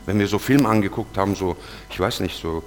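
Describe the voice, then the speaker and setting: Man giving an earnest confessional testimony. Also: sits low. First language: not German. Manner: earnest, confessional, swings between loud pleading and quiet muttering; slow, deliberate when reading scripture verses. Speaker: preacher giving a personal testimony. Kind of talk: emotional spoken testimony. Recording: long hall reverb with faint hum.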